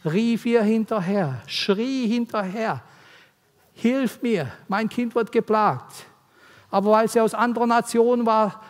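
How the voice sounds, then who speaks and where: Long reverb fills the church hall as a man preaches earnestly to mothers, pleading with them in a delivery that swells and drops. His voice sits high and has a darkish tone.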